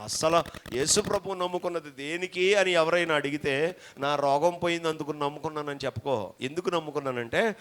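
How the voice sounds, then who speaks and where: A male pastor from Pradesh, preaching a sermon to a congregation in church. He moves from shouted peaks to quiet asides and keeps calling for praise and hallelujah. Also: a little high, a little fast, a little hiss or hum. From coastal Andhra Pradesh, India. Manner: repeated calls for praise and hallelujah. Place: church before a live congregation.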